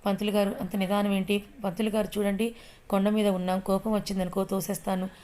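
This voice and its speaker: Audio-story villain: a woman voicing a threatening young man, flat even delivery. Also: medium pitch, fast, close to an everyday voice. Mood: menacing. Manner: taunting, threatening. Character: menacing young male villain, possessive.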